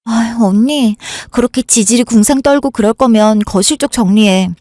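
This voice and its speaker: A woman voicing a breezy, offhand younger sister in a radio drama who talks briskly and brushes things off. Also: a little high, a little mellow, no room sound, clean studio sound, close to an everyday voice. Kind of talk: Korean radio drama acting.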